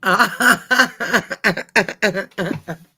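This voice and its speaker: Co-host who reads chat, very slow talk, bright tone, laughs a lot. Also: medium pitch, a little hiss or hum. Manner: laughs often, slow easy reactions. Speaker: live stream co-host reading chat. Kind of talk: casual chat.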